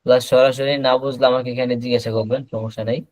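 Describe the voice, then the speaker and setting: A man teaching an online class, explaining slowly and repeating words over a video call. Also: medium pitch, little pitch movement, darkish tone, no room sound, low-quality recording. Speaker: English teacher.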